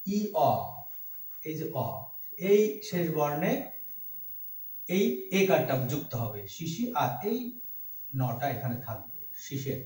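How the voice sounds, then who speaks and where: A man teaching Sanskrit verse pronunciation, slowly breaking words into letters and chanting the lines. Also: on the high side, darkish tone. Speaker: Gita recitation teacher. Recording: roomy echo, mic far off.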